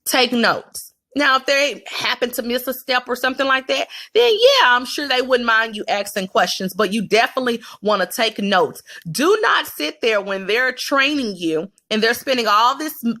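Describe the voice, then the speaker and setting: Southern woman vlogging work tips, bright and kinda high, keeping it real and down to earth. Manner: candid, down-to-earth, emphatic. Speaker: career advice vlogger. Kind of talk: casual advice talk to camera.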